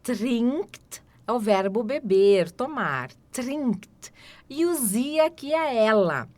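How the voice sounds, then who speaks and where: A Brazilian woman teaching German with a rather high, very lively voice that rises and falls a great deal. She speaks unhurriedly and patiently, checking in with her listeners and repeating each word until it sinks in. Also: slow pace. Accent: Brazilian Portuguese. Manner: explains step by step with frequent "tá?" and "né?" checks. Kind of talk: online language lesson.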